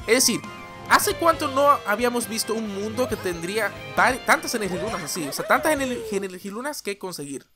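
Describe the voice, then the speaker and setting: A man giving excitable, rambling let's-play commentary as a gaming channel host, yelling at the game as he plays. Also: high-pitched. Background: game music.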